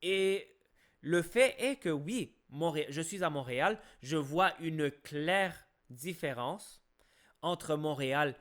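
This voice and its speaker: A man with a Québécois French accent and a voice pitched a little high delivers a heated opinion monologue on a live stream. He presses his points with repeated rhetorical questions and often stops to restart his sentences. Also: expressive, slow, a bit bright. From Quebec, Canada.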